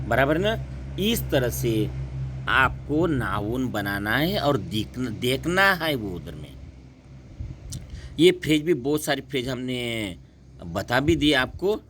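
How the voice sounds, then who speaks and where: Slow, patient man teaching a class. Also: mid-range voice, a bit bright, a little hiss or hum. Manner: slow, repeats words and asks then answers his own questions. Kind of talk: classroom lesson.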